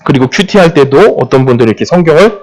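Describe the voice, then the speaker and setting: A man's voice: on the high side, expressive, fast, a little mellow. A man preaching a sermon, asking the congregation rhetorical questions and repeating key phrases for emphasis.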